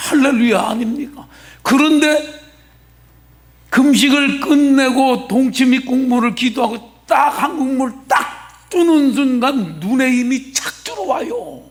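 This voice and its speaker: A male pastor with a strikingly high voice delivers a Sunday sermon in a church sanctuary. He preaches emphatically, breaking into shouts and calling back to the congregation for a response. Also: vocal fry. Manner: emphatic, bursts into shouting and keeps checking with the congregation. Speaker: senior pastor.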